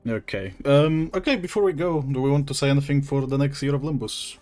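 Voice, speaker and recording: A man hosting a casual chat on a voice call, quick and loose, with lots of fillers and small laughs. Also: medium pitch, darkish tone, faint music behind. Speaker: host. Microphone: voice call headset or desk mic.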